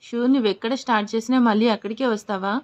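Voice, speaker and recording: A woman's voice: a little high, steady tone, racing, darkish tone, muffled recording, close to an everyday voice. A woman voicing a young husband in an audio story, teasing in banter and stern when he lectures.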